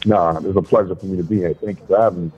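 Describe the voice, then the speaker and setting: A man's voice: low-pitched, steady tone, very fast, loud music behind the voice. A man from Brooklyn, a rapper calling in over the phone for a radio interview, talking in a laid-back, confident way with many fillers. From Brooklyn, New York. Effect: heard over the phone. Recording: tinny phone line, faint noise.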